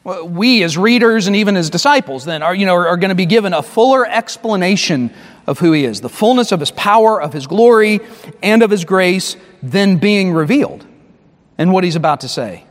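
A man preaching a sermon as pastor, emphatic, often restarting phrases and slowing down to stress a point. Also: high voice, expressive. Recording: long hall reverb.

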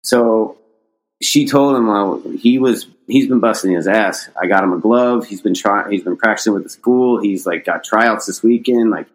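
Low-voiced man telling a rambling story. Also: moderate pace, rough recording. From United States. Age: middle-aged. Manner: rambling, many restarts, swears casually. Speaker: podcast guest, skateboarder. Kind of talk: casual storytelling.

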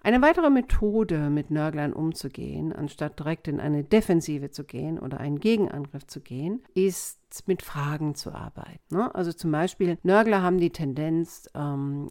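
A woman speaking as a communication coach in a podcast monologue. She explains things calmly and often adds the tag question "ne?". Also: low-pitched, normal speed, hardly any pauses.

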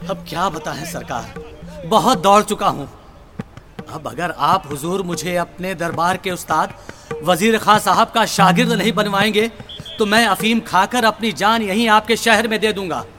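A man's voice: high-pitched, moderate pace, sharp tone, long reverb tail. An actor playing a poor, desperate young man begging to become a music student, speaking earnestly and pleadingly. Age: young adult. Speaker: young man in a radio drama. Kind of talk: radio drama acting.

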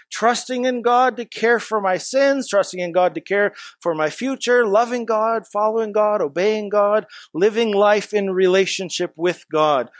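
A male pastor with a high voice gives a conversational sermon to his congregation. He talks in a folksy way, full of stories and casual asides. The sound is dry and close. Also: fairly bright tone, no echo. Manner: chatty, folksy storytelling with asides.

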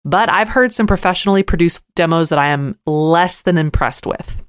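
A woman's voice: lowish voice, moderate pace, clean tone, no echo, studio quality. A woman hosting a podcast, giving scripted advice in an upbeat, tidy, organized way. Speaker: podcast host and voice actor.

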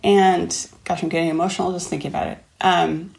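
A woman's voice: lowish voice, flat delivery, fairly quick, vocal fry. A woman telling an earnest, heartfelt personal story about riding and training her horse. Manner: earnest, heartfelt, warmly reflective.

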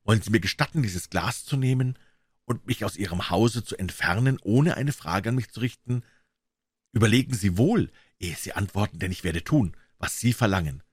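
A man's voice: fairly low pitch, expressive, normal speed, husky, dry recording, clean studio sound. A man voicing a sinister, feverish male visitor who tempts and commands in urgent, theatrical declamation. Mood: menacing.

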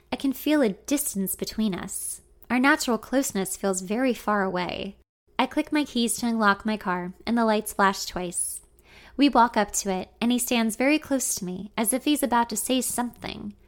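Young woman, expressive first-person narrator, slightly high voice. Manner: intimate, expressive.

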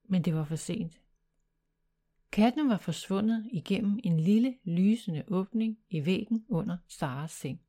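A woman reading a children's bedtime story aloud in a calm, even storytelling manner. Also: mid-range voice.

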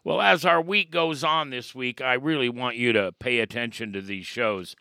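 A talk radio host with a bright, forceful voice at an ordinary man's pitch. He speaks candidly and casually, poking fun at his old self. The sound is close and dry with no room. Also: normal speed, gravelly, clean tone, no room sound. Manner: candid, self-deprecating, conversational.

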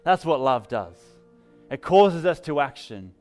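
An English pastor preaches a sermon at a church service, telling stories in an upbeat, conversational way. His voice is a little high with big pitch swings and a darkish tone, delivered a little slowly over soft background music.

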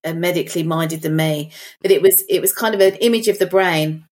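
A woman's voice: fairly low pitch, fairly quick, darkish tone. Reflective middle-aged woman. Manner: reflective, storytelling, thinks aloud. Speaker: podcast co-host. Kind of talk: casual chat.

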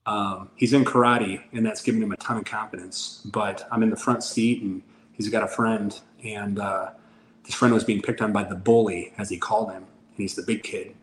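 A man's voice: lowish voice, fairly even intonation, moderate pace. A man in his forties, a podcast guest talking candidly in a casual interview and acting out the lines of a story he tells. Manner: candid storyteller who acts out dialogue. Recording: roomy sound with faint background noise.

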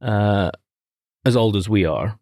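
A middle-aged man, telling stories in a rambling, animated way as a podcast co-host. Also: lowish voice, slow, dry recording, studio quality. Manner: animated storyteller, rambling with restarts. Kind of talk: casual chat.

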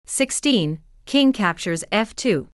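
A woman's voice: medium pitch, lively intonation, slow pace, dry recording, clean studio sound. A woman reading out chess notation from a script in clipped announcements, move by move. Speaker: reader of chess moves.

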